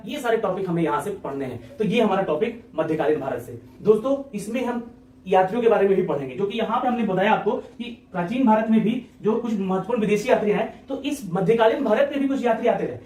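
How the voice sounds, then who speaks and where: Fast-talking high-voiced male exam tutor. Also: a little mellow, roomy sound, far from the mic. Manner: rapid, repetitive, keeps checking in with listeners. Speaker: exam-prep teacher. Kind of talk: exam-prep lecture.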